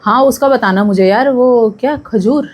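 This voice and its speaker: A woman's voice: a little high, normal speed. A young pregnant woman chatting casually to camera in a vlog, talking freely and drifting off topic. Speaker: vlogger.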